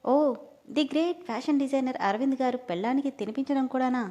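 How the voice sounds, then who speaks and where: A woman's voice: high-pitched, fairly quick, warm tone, muffled recording, natural voice. A woman reading the lines of a hurt, angry young wife in a storybook, sounding tearful and accusing. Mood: bitter.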